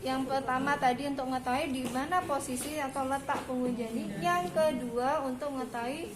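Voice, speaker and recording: A midwifery instructor, a woman with a high voice and fairly even intonation, walks her students through a prenatal exam step by step, talking a little fast and checking that they follow. It is a hands-on clinical demonstration recorded in an echoey room, with crowd noise and other background sound.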